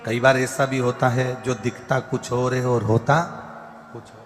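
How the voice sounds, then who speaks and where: A man's voice: medium pitch, level tone, a little slow. A man preaching a devotional sermon, hammering points through repeated lists and now and then singing verses. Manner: repetitive emphatic lists, breaks into song. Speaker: katha preacher. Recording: live hall reverb with faint music.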